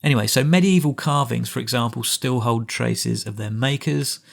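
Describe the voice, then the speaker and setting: A man's voice: mid-range voice, normal speed, creaky. A middle-aged man giving a reflective lecture, often restarting phrases and adding asides. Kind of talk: recorded lecture.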